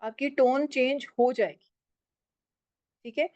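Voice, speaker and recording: A woman's voice: high voice, steady tone, slow, darkish tone, no echo, muffled recording. A woman teaching a writing class, explaining step by step and often checking in with her students. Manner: switches often into English phrases. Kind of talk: online class lecture.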